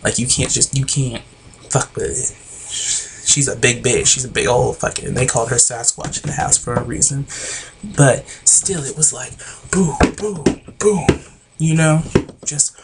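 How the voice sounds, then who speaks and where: A man's voice: medium pitch, fairly even intonation, moderate pace, vocal fry, a little hiss or hum. A man giving a blunt, rambling, profane recap of a reality show episode.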